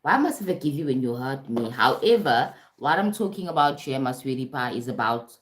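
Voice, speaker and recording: A woman's voice: a bass voice, expressive, fairly quick, roomy sound. A South African woman, a life coach, giving a casual live-streamed talk and often checking in with "right?" and "you understand?". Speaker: life coach and motivational speaker. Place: home in Durban, streaming.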